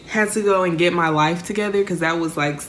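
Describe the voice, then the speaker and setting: A woman's voice: on the low side, a little fast, slight background noise. A young woman from Texas, talking candidly and rambling to her viewers in a heartfelt personal rant. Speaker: vlogger. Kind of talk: emotional personal rant to camera.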